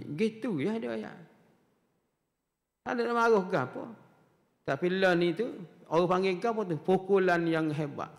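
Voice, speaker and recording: A man with a Kelantan Malay accent giving a weekly mosque lecture as a religious teacher, talking conversationally with rhetorical questions and frequent "ha" interjections. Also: on the high side. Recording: long mosque hall reverb.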